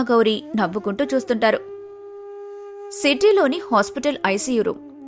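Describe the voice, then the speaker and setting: A woman narrating an animated family drama in a scripted, suspenseful style. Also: fairly high pitch.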